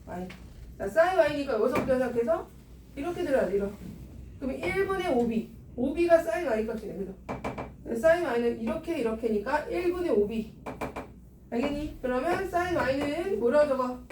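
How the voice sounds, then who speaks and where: A woman's voice: high voice, expressive, moderate pace. A woman math teacher in a classroom, talking students through problems and coaxing them with constant questions. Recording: echoey room, picked up from a distance with background noise.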